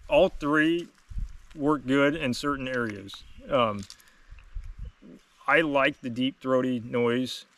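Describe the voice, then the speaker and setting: A man's voice: mid-range voice, slow pace, pauses often, fairly bright tone, distant mic. A man giving a casual, plain-spoken instructional product demonstration as host. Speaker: host demonstrating duck calls.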